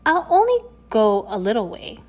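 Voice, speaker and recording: A woman's voice: on the high side, huge pitch swings, normal speed. A woman voicing a cheerful, curious little girl in a storybook reading. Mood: wondering. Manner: bright, eager, wondering.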